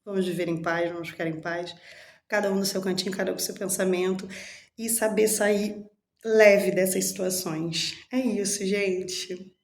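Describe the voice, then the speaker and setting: A woman's voice: mid-range voice, steady tone, moderate pace, echoey room. A woman hosting her own channel, sharing personal reflections in a candid, chatty way and acting out her inner dialogues. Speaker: channel host.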